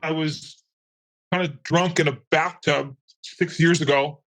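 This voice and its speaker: A man's voice: a little high, fairly even intonation, unhurried, fairly bright tone, poor audio. A man in his thirties whose voice is altered for anonymity, chatting candidly as an interview guest in loose, rambling sentences. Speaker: interviewee, meme page admin. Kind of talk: casual interview chat.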